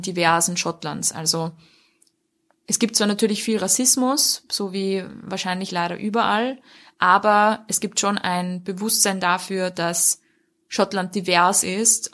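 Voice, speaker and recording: A woman's voice: mid-range voice, a bit bright. A woman discussing a book in a conversational review, fluent and explanatory, with occasional fillers.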